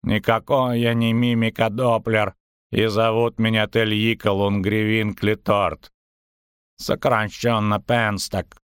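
A man voicing a guttural, whining male shapeshifter creature from a storybook, speaking slowly and pleadingly. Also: on the low side, level tone, fairly bright tone, clear, resonant tone, dry recording, clean studio sound. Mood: sulky. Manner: slow, pleading.

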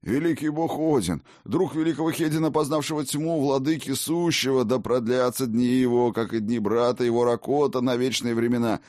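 A man voicing a portly, fawning male innkeeper who talks in a hurried, effusive way. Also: mid-range voice, a little mellow, no room sound, studio quality, pitched above the performer's own voice, close to an everyday voice.

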